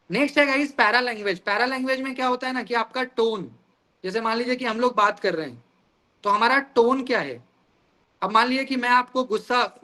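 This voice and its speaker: A man's voice: sits high, bright, forceful tone. A man teaching an online exam-prep class over a video call, explaining terms through everyday examples and often calling the students "guys".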